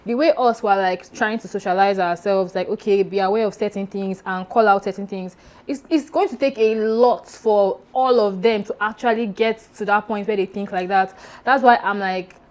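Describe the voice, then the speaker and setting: A young woman from Nigeria co-hosting a casual podcast chat, talking quickly with frequent restarts. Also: medium pitch, steady tone, darkish tone. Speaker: podcast co-host.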